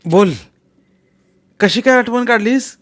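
A man's voice: extremely high pitch, takes it slowly, fairly bright tone, voice pushed up, heavily acted. A man doing a wary, reluctant educated friend. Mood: wary, doubtful. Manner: surprised, doubtful, bantering.

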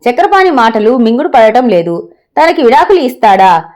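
A woman narrating a story in a steady, expressive reading style. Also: on the high side, normal speed.

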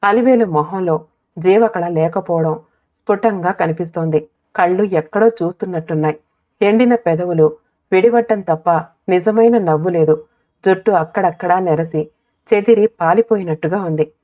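Low-voiced woman reading a story. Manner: steady, measured reading. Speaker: audiobook narrator. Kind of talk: scripted story narration. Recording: tinny phone-like audio.

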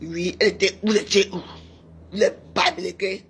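A woman's voice: lowish voice, steady tone, moderate pace, slight background noise. A woman, delivering a heated, taunting rant to her camera, repeating her jabs. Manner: heated, taunting, repetitive shouting. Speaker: social media personality. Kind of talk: angry insulting rant to camera.

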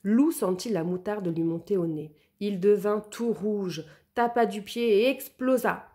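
A woman narrating a children's story in a lively, expressive way. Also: medium pitch, measured pace.

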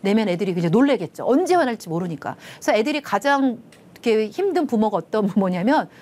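Animated woman lecturing on family talk. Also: medium pitch, quick pace. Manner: animated, acts out quotes in lively voices. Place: television studio with panel.

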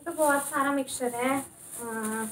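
A woman in her twenties with an Indian accent chats casually through a home cook-along vlog, switching between Hindi and English in a high voice at a measured pace. She's indoors in a small curtained room, filmed on a phone camera a few feet away, so the audio is echoey with background noise.

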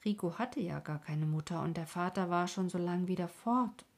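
A woman hosting a sleep podcast, reading a bedtime story in a soft, calm, breathy half-whisper. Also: on the low side. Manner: soft, calm, slow reading to lull listeners.

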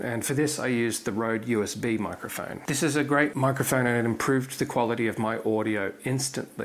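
A man in his thirties talks straight to camera from his home kitchen in a steady, methodical way. His voice sits in an ordinary middle pitch. It is picked up close by a small mic clipped to his apron. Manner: calm, methodical explaining. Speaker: cooking streamer. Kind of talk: scripted talk to camera. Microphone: lavalier clipped to apron.

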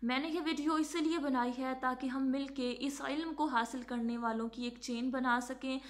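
Woman teaching quran recitation, high voice, slow repeated words to show sounds, some english mixed in. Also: fairly even intonation. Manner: explains slowly, repeating and drawing out words to demonstrate pronunciation; mixes English words into her speech. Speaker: religious teacher. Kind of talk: instructional talk on Quran recitation.

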